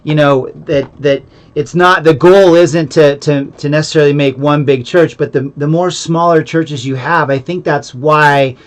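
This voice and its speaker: A man's voice: a little high, steady tone, normal speed. A man talking casually as an interviewer, affirming and reflective. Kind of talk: casual conversation.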